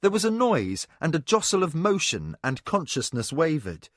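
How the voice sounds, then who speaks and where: A man narrating a fantasy audiobook in an expressive storytelling manner. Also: a little high, normal speed, dry recording, clean studio sound. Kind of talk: scripted narration.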